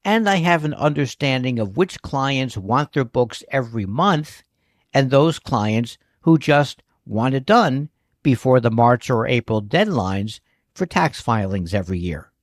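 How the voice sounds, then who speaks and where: A man's voice: mid-range voice, lively intonation, unhurried, dry recording, clean studio sound. A man hosting his own podcast, talking through his bookkeeping work in a chatty monologue that wanders into asides. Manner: chatty, prone to digressions.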